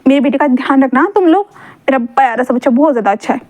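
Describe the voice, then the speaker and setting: A woman's voice: sits high, fast, darkish tone, lightly acted. A woman voicing a fussy, affectionate middle-aged mother who dotes and repeats herself. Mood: doting. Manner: doting, chattering, repeats herself.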